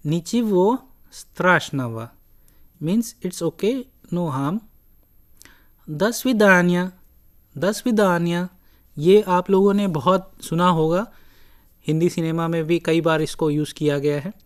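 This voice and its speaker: A lecturer giving a recorded lesson, speaking deliberately in short broken phrases and repeating key words. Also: mid-range voice. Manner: slow, deliberate, breaks phrases into short pieces. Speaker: language lecturer.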